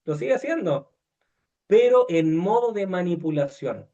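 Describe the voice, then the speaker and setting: A man's voice: high-pitched, expressive, unhurried, warm tone, highs cut off. A man preaching a conversational sermon, full of hesitations and restarts, often asking his listeners questions. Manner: many fillers and restarts, asks listeners questions, acts out quoted voices.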